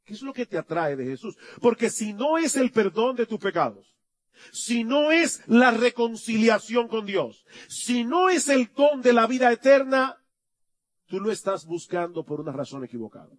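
A male pastor preaching a sermon, asking rhetorical questions and swinging from quiet to loud. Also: very high voice, animated, unhurried.

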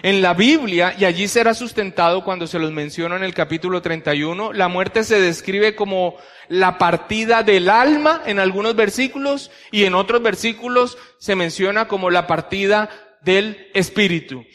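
A man's voice: high voice, moderate pace, fairly bright tone. A man preaching a teaching sermon, methodically explaining Bible verses and asking many rhetorical questions. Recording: long hall reverb.

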